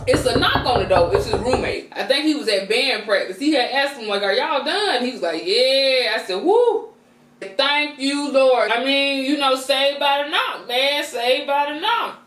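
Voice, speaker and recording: A woman's voice: high voice, reverberant, far from the mic. A woman telling a casual, slangy storytime as a mukbang vlogger, talking with her mouth full as she eats. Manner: talks with mouth full while eating; animated, slangy, conversational.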